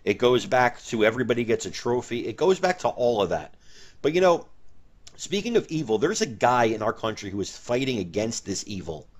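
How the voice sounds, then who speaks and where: A man's voice: mid-range voice, big pitch swings, a little fast. A man hosting a comedy sketch, talking in an emphatic, mock-indignant way. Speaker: comedy show host.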